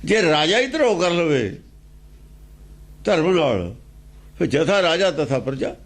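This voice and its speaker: A man's voice: a little high, sing-song, unhurried. A man with a Punjabi accent explaining scripture, repeating key phrases and asking rhetorical questions. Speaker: religious teacher. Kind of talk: scripture exposition talk.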